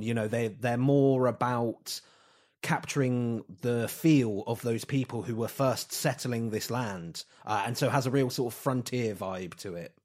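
A man with a croaky voice, co-hosting a casual film podcast as reviewer, hesitant and careful. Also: mid-range voice, darkish tone. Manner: hesitant, starts with "uh".

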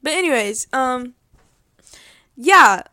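A woman's voice: high-pitched, lively intonation, takes it slowly, bright, forceful tone, no room sound, clean studio sound. A young woman in her late teens hosting her own podcast, chatting about her life in a rambling, heartfelt way with many fillers and restarts, and laughing often. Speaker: podcast host. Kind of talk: casual personal update.

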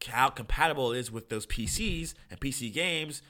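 Sick american podcast guy, froggy stuffed-up voice but bright n punchy, casual sweary gaming rant. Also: medium pitch, moderate pace. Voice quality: froggy, congested Kermit-like voice. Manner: informal, profane, opinionated. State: sick with a cold. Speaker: podcast host. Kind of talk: casual solo podcast commentary on video games.

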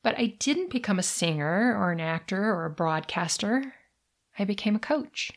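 A middle-aged woman hosting a solo coaching podcast, speaking warmly and deliberately and slowing down to stress words. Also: medium pitch, animated. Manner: warm, deliberate, slows down for emphasis.

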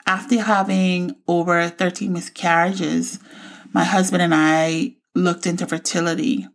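A woman's voice: on the low side, flat delivery, unhurried. A woman in her forties from the Bahamas, hosting her own show and telling her personal faith story in a reflective, heartfelt way. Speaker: podcast host.

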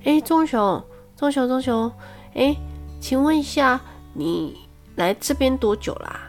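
A woman's voice: high voice, lively intonation, unhurried, faint music behind, voice pushed up. A woman voicing a curious, puzzled little rabbit in a storybook tale, asking eager questions.

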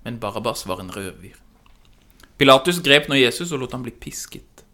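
A man narrating a dramatic scripture reading in a measured, expressive way. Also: medium pitch. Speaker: scripture reader.

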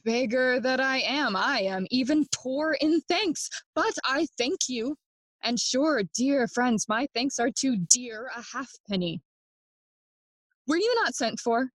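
In a recording with no echo, a high female voice performs Hamlet as a slow, sardonic young prince who is melancholy and feigns madness. The mood is probing, the manner theatrical and mocking, moving between English and Spanish in classical Shakespearean audio-play acting.

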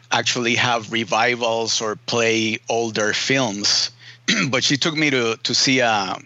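A man's voice: mid-range voice, bright, forceful tone, dry recording, lo-fi sound. A man from Rico, a film editor telling his story casually in an interview, full of "you know" and "man". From Puerto Rico.

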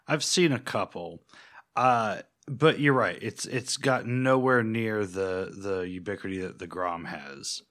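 A man co-hosting a motorcycle podcast, talking in a dry, wry way as he builds repetitive jokes. He speaks very slowly in a lowish voice. His tone has a bright, tense edge. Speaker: podcast co-host. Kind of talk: casual chat.

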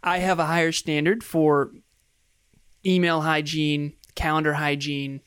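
A man's voice: on the high side, level tone, measured pace, fairly bright tone, clear, resonant tone, no echo, clean studio sound. A man co-hosting a self-improvement podcast, explaining principles in emphatic points like a motivational life coach. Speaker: podcast co-host.

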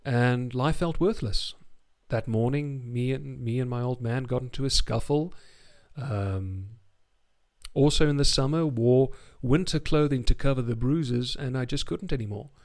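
A man's voice: mid-range voice, unhurried, darkish tone. A man with a modern British RP, Home Counties accent, speaking in an articulate, formal way as a guest in a reflective personal interview. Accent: refined RP, English Home Counties. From South Africa. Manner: articulate, formal extended vocabulary. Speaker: podcast guest.

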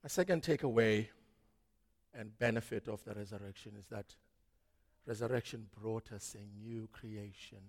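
A man preaching a sermon as pastor, swinging from loud, dramatic preaching to hushed tones. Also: on the low side, normal speed. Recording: long reverb of a large hall.

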